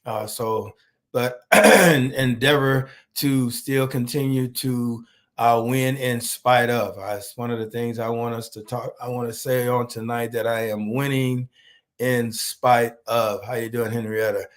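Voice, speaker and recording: Slow and halting, a man gives a sermon online while greeting his viewers by name. A cold makes his medium-pitched voice hoarse and slightly nasal, though its tone stays steady.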